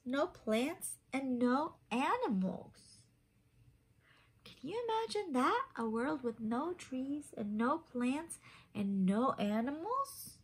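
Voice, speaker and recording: In a small room at home, a woman in her thirties reads a picture book aloud to children, tossing in simple questions as she goes. Her voice is a little high with a breathy edge, and the reading is expressive, in the style of a story time.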